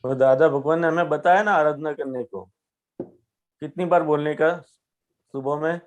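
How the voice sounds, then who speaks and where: A Gujarati-accented man offers a gentle spiritual teaching at a moderate pace, his voice on the high side. He patiently makes sure his young listener understands.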